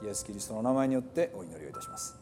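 A pastor leading a slow, reverent spoken prayer in a soft voice. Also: male voice, lowish voice, sing-song, over music.

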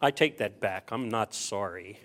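A Southern US man delivers a conversational sermon that includes scripture reading, asking his listeners rhetorical questions and repeating phrases for emphasis. His voice is fairly low and a bit bright, his pace unhurried, with slight background noise.

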